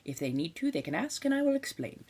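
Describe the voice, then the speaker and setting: A woman in a theatrical vampire persona talks with live stream viewers, faking a 1700s colonial transatlantic accent, speaking ornately and calling everyone darling. She speaks fast in a lowish, slightly mellow voice with wide pitch swings, and faint hiss or hum is audible.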